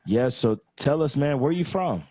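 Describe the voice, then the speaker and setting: A man's voice: mid-range voice, animated, moderate pace, dark tone, no echo. A man from Texas hosting a casual podcast interview, laid-back and friendly with lots of filler phrases. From Texas, United States. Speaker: podcast host.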